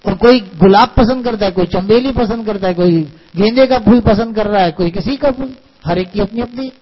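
Man preaching, very high voice, parables and rhetorical questions, dull lo-fi recording. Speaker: religious scholar. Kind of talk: sermon.

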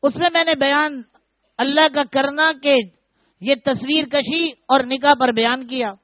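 A man's voice: extremely high pitch, steady tone, no room sound. A man preaching a humorous sermon, telling stories and keeping up banter with his listeners. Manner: joking, storytelling, keeps addressing listeners as brother. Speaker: preacher who performs weddings. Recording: tinny phone-like, dry sound.

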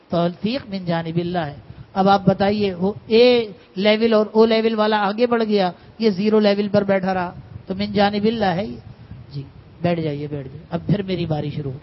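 A middle-aged man, preaching a sermon in a conversational way, teasing his listeners and calling them brother. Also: high voice. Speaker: religious teacher. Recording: muffled lo-fi recording.

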